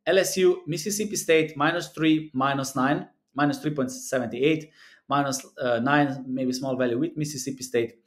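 In a screen-recorded commentary from a small room indoors, a European man who speaks a South Slavic language natively analyzes sports bets. He talks through the numbers earnestly and repetitively with many fillers, using a steady, mid-range voice at a moderate pace.

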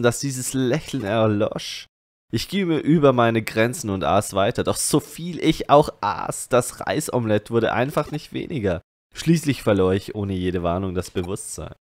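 German let's player reading game text. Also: male voice, medium pitch, no echo, clean studio sound. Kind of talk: reading game dialogue and narration aloud.

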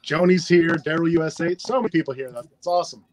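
A man's voice: a little high, fast talker, noisy background. A man hosting a live stream giveaway in a casual, chatty and upbeat way, talking into a phone. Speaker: livestream giveaway host.

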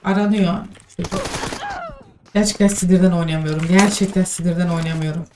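A woman streaming a shooter game rattles through her complaints at a quick clip. She sounds agitated and close to tears, and faint noise runs under her voice. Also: on the low side, fairly even intonation, warm tone. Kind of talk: upset live-stream chat while gaming.

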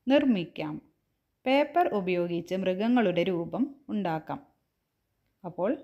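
A woman teacher explaining a textbook lesson to young children, gently asking questions and answering them herself. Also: medium pitch.

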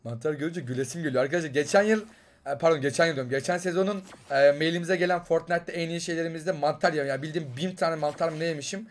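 A young man with a Turkish accent talks his viewers through a match as he plays. His voice sits a little high for a man, and he swings between sudden loud outbursts and quiet muttering to himself. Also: rapid-fire. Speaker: gaming YouTuber. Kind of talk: excited gameplay commentary.

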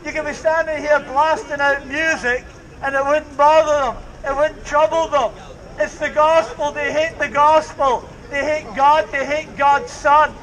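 Older street preacher, high voice. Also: male voice, level tone, a little slow, a bit bright, a faint crowd, a little hiss or hum. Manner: fervent, repetitive, declaiming. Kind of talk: open-air street preaching. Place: outdoor town market square. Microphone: distant camera, preacher with handheld mic and speaker. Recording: open-air sound from a distance.

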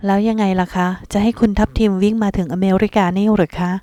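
A woman reading an audiobook, voicing a bold, sharp-tongued servant woman who scolds and mocks with sarcasm. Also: mid-range voice, little pitch movement, fast, no echo, close to an everyday voice. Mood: sarcastic.

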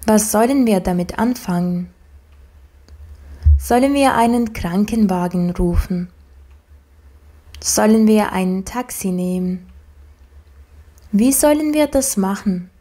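A woman reading short practice sentences aloud one by one, in a measured, even delivery for language learners. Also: mid-range voice. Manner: slow, evenly paced, measured sentence-by-sentence delivery. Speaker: language example reader.

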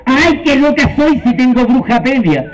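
A scatterbrained, excitable witch cook, put on by a male storyteller, fusses over her victims in a Chilean accent. The voice sits extremely high and shrill, exclaiming in a fussy way. The live recording sounds dull and lo-fi. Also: normal speed, crowd noise. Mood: flustered. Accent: Chilean Spanish.

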